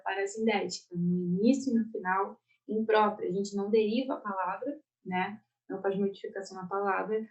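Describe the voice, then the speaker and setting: A woman's voice: medium pitch, low-quality recording. A woman with a Brazilian Portuguese accent teaching an online exam-prep Portuguese lesson, explaining step by step and checking in often with her students.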